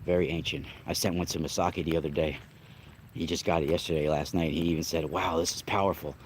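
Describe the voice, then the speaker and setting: This young adult man speaks quickly in a low register with fairly even intonation, hosting a livestream where he works as a spiritual reader and greets people in chat. Congested from a cold, he coughs and sounds a bit nasal, and his casual talk rambles with frequent restarts. A slight hiss or hum sits under the audio.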